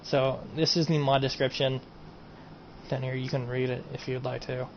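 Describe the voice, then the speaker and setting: A male gaming streamer casually showcases a mod, rambling, repeating himself and trailing off with "and everything." His mid-range voice has little pitch movement and a normal speed. The dull lo-fi home recording carries faint noise.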